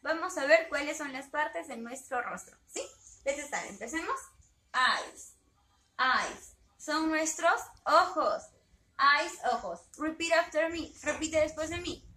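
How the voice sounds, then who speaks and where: Slow, bright-voiced woman teaching children. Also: high-pitched. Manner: slow, repeating each word for pupils to echo. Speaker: English teacher. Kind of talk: bilingual classroom lesson for children. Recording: echoey room.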